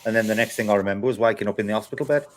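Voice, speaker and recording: Low-voiced man telling a personal story. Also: racing, slight background noise. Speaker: host of a paranormal live chat. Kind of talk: casual chat, telling a personal anecdote.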